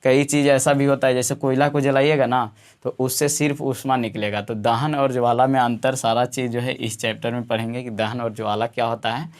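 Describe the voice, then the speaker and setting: A man's voice: medium pitch, little pitch movement, brisk. A man teaching a school science class in a casual, rambling way, full of fillers and checking-in tag questions.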